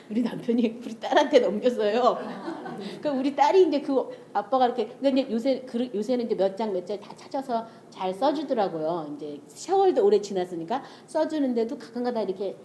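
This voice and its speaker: A woman's voice: fairly high pitch, lively intonation, fairly quick, hardly any pauses, dark tone. A middle-aged woman giving a testimony-style sermon, telling family stories animatedly and acting out the dialogue with frequent laughter. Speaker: church speaker sharing testimony.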